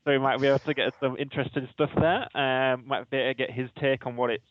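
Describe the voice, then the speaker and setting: A man's voice: mid-range voice, flat delivery, fast talker, no room sound. A man with a Yorkshire accent chatting casually as a podcast co-host, informal, slangy and matey in manner. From Yorkshire, England. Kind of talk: casual chat. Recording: dull, lo-fi audio.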